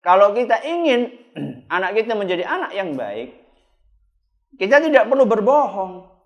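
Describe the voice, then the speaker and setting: A man's voice: high voice, big pitch swings, moderate pace, lo-fi sound. A middle-aged man giving a conversational religious lecture and acting out family dialogues. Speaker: Islamic preacher.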